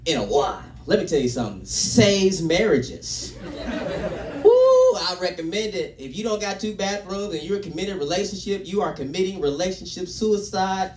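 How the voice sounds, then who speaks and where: High-voiced, animated stand-up comedian. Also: male voice, a little hiss or hum. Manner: loud, playful, crowd-teasing. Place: live comedy venue. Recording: echoey live venue from a distance.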